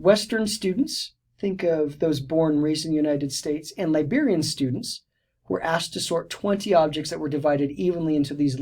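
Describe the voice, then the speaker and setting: A teacher educator with a slightly high, darkish voice narrates a recorded teacher-training lecture. He explains steadily, though he often restarts sentences and uses fillers.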